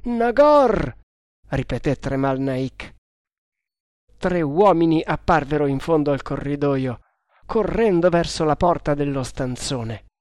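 A man giving a dramatic, measured reading of an adventure novel as narrator. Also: a little high, a little mellow, dry recording, studio quality. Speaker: audiobook narrator. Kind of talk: scripted narration.

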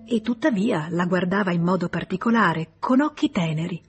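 A woman narrating an audiobook in a measured, expressive storytelling manner. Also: fairly low pitch, slightly rough. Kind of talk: audiobook reading. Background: faint music.

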